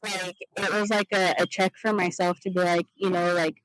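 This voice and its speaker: A woman hosting a casual podcast chat, talking in a halting, rambling way full of "like" fillers. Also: fairly low pitch, little pitch movement, no echo, rough recording. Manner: halting, heavy use of "like" fillers. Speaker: podcast host.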